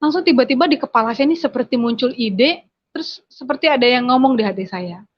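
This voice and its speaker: A woman's voice: high voice, animated, fast talker. A woman giving a personal conversion testimony, telling her story dramatically and speaking straight to her listeners. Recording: dry, slightly dull recording.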